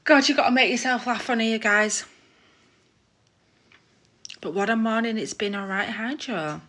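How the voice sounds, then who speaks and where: A woman's voice: a little high, a little slow, a bit bright. A woman hosting a casual live stream from her room at home, chatting and gossiping into her phone, laughing at herself.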